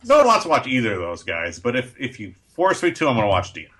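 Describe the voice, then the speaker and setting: A man's voice: mid-range voice, wildly swooping pitch, fast, a bit bright. A man hosting a casual sports podcast, blunt and opinionated, steering the segments. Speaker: podcast host.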